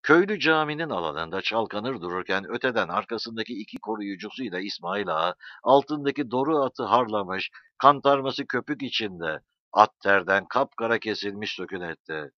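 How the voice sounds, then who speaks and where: A man narrating an audiobook with a dramatic, expressive reading, with a dull, lo-fi sound. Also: fairly low pitch, moderate pace, dry recording.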